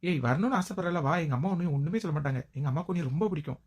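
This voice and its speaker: A woman's voice: sits low, lively intonation, rapid-fire, a little mellow, breathy edge. A woman in a village comedy skit, talking in a coaxing, gossipy neighbourly way.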